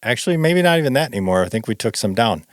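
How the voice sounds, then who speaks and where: A man, co-hosting a running podcast in casual chat, relaxed and rambling, often laughing. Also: medium pitch, racing, dry recording, studio quality. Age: 40s. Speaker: podcast co-host.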